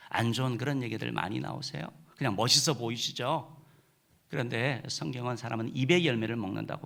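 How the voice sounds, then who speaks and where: A man's voice: mid-range voice, creaky, a bit bright. A middle-aged man preaching a sermon as senior pastor, emphatic and full of filler "uh"s.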